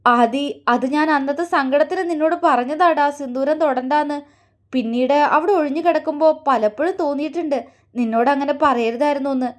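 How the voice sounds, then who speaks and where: Woman reading a mischievous young husband, teasing and affectionate, high voice. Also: a little fast, lightly acted. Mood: emotional.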